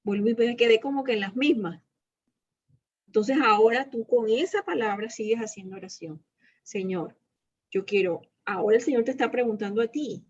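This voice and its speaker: A woman's voice: on the high side, a little fast, breathy edge, muffled recording. A woman leading an interactive Bible lesson on prayer, coaching her students emphatically and repeating key phrases. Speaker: prayer teacher.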